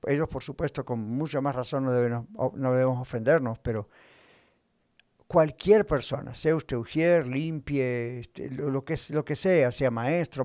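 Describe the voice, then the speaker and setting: A man's voice: medium pitch, a little mellow, no room sound. Man preaching a dry close sermon. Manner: preaching with rhetorical questions and acted quotes. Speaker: pastor.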